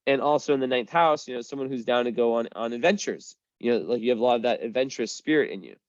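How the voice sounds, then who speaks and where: Talking fast in a medium-pitched voice, a young astrology reader rambles through a casual one-on-one chart reading, full of fillers, restarts and an occasional swear word. The recording is dry and lo-fi.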